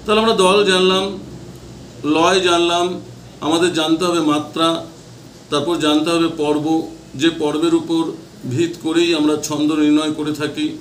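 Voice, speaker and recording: Male tutor, somewhat high-pitched, exam-prep lecture style, repeats key terms slowly, echoey room. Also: fairly even intonation, a little hiss or hum.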